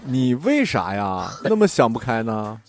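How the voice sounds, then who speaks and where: A man co-hosting a casual chat podcast, talking in an animated, blunt, teasing way and often laughing. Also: mid-range voice, measured pace, faint music behind. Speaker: podcast co-host.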